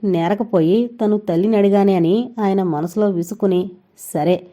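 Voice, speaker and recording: A woman narrating a novel in a steady storytelling read. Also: medium pitch, normal speed. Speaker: audiobook narrator.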